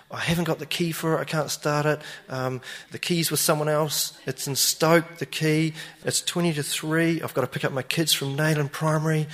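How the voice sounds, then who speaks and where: A man's voice: a little high, fairly bright tone, voice pushed up, close to an everyday voice. A man voicing a desperate, jittery man who rambles out a sob story about his car. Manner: rambling, pleading, words tumbling out.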